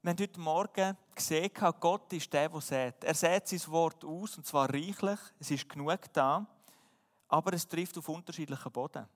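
A man's voice: on the high side, normal speed, in a large hall. A man preaching a sermon, earnest and emphatic, often asking rhetorical questions.

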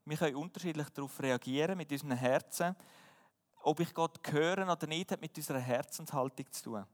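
A man's voice: fairly high pitch, a little fast, long reverb tail. A man preaching a sermon, earnest and emphatic, often asking rhetorical questions.

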